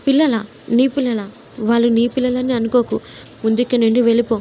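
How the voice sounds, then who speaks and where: A woman voicing an older, stern father who shouts harsh rebukes in a read-aloud story. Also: fairly high pitch, flat delivery, fast, slight background noise, lightly acted. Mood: angry.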